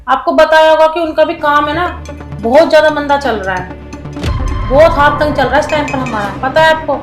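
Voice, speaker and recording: A woman's voice: high-pitched, fairly quick, roomy sound, faint music behind, natural voice. A woman playing a pleading young tenant. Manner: pleading, defensive, explanatory. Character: struggling young female tenant, pleading but firm. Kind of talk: low-budget comedy film acting.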